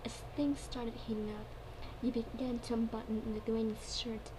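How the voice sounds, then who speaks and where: A woman's voice: on the high side, level tone, normal speed. A woman giving an amateur dramatic reading of a story, now and then stumbling over her words and repeating phrases. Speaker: fan fiction reader. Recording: clearly noisy home recording.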